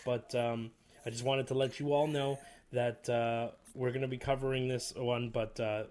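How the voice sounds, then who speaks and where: A man's voice: mid-range voice, level tone, normal speed, darkish tone. Profane, exasperated male games host. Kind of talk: casual games showcase commentary.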